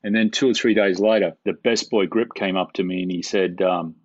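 A man's voice: low voice, steady tone, brisk, no echo. A middle-aged man, a camera operator, telling stories in a casual interview, rambling and repeating words with self-deprecating humor. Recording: dull, dry, lo-fi sound.

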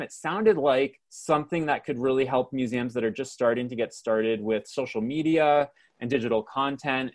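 A man hosting and moderating a panel discussion, reading guest introductions in a steady, formal way over a video call. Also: medium pitch. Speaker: host and moderator. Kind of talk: scripted introductions and interview questions.

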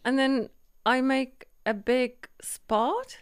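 A woman's voice: high-pitched, very slow, smooth. Hesitant woman chatting on a podcast. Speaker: podcast co-host. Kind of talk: casual chat.

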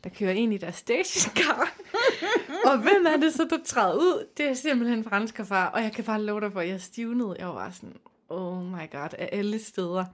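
Lively woman telling a story. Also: fairly high pitch. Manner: lively storytelling with acted-out quotes. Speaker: podcast co-host. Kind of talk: casual chat.

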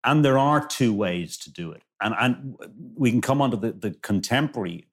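A man's voice: medium pitch, lively intonation, slightly rough. A man speaking as a guest in a conversational discussion, emphatic, repeating phrases and breaking off to restart. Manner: emphatic, repeats phrases, halting self-interruptions. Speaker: guest author.

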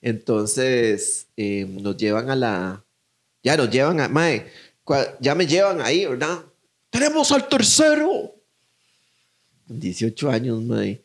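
A man's voice: mid-range voice, slow pace. A young man with a Costa Rican accent telling a story in casual chat, acting out voices as he goes.

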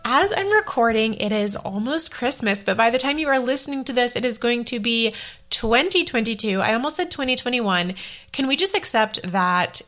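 A woman's voice: on the high side, expressive, fairly bright tone, soft background music. A woman in her thirties hosting a solo podcast, talking casually and rambling, often correcting herself as she goes. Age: 30s. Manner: chatty and rambling, quick self-corrections. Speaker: podcast host.

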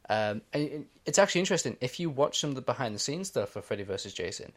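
A man's voice: mid-range voice, very animated, quick pace. A man co-hosting a podcast in casual chat, explaining his views at length with many "you know"s. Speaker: podcast co-host.

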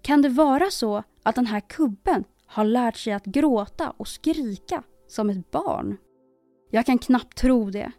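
A woman's voice: on the high side, expressive, mellow, no room sound, soft background music. A woman voicing an old male carpenter who mutters to himself in a storybook reading. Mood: frightened. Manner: muttering, nervous false cheer.

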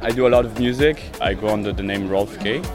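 A musician from Sierra Leone chatting in a relaxed, easygoing way outdoors by a river, with fillers. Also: male voice, lowish voice, fast talker, music in the background. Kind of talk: casual chat.

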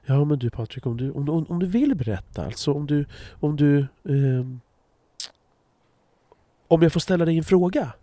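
A man's voice: on the high side, expressive, mellow, no room sound, voice pushed up, natural voice. A man mimicking a timid, overly polite chat-room participant, hesitant and mockingly sugary.

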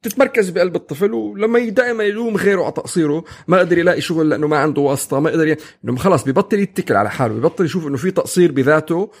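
Rapid-fire husky man. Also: a little high. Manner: animated, acts out children's voices, many restarts. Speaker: podcast co-host. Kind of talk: casual parenting chat.

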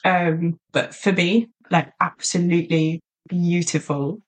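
A woman's voice: fairly low pitch, steady tone, slow pace. A woman co-hosting a podcast, chatting casually and eagerly, with lots of "like" in her speech. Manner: chatty and enthusiastic, peppered with "like". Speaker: podcast co-host. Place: lives in a small market town in south-west England.

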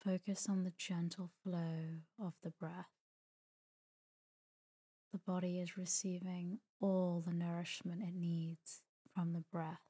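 Calm and soothing, a woman guides listeners toward sleep as a meditation guide and podcast host. Her low, very mellow voice is breathy and soft, at moments close to a whisper, and her slow scripted narration moves in an even, unhurried melody broken by gentle pauses.

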